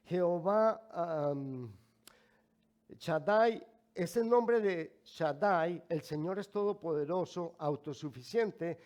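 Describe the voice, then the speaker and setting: Slow, higher-voiced Mexican pastor preaching. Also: male voice, a little mellow. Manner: slow, emphatic preaching with rising stresses and asides to the congregation. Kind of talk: sermon.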